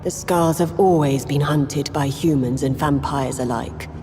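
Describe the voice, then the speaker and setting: An actress playing a proud, guarded old vampire outcast leader in a video game, stern, measured and solemn. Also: female voice, sits low. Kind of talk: dramatic video game acting. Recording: long hall reverb, loud music behind.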